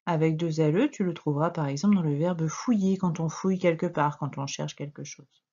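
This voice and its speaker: A woman teacher with a French accent, giving a slow, patient reading and dictation lesson to a young child and spelling out letters. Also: low voice, warm tone, breathy edge, muffled recording. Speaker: primary school teacher.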